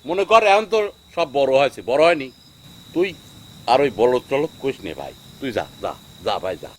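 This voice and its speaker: A man's voice: medium pitch, big pitch swings, moderate pace, a little hiss or hum, natural voice. An actor playing an exasperated young village man, pleading and agitated.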